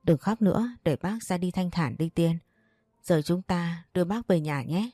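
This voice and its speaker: Calm comforting young man in a storybook, put on by a woman reader, low mellow voice. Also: moderate pace, dry recording, close to an everyday voice. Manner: gentle, comforting.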